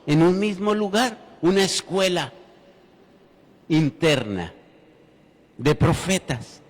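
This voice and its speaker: Speaking slowly but very animatedly at a fairly high pitch, a man delivers a sermon in a church hall with lots of reverb. He tells the story humorously and speaks straight to the congregation.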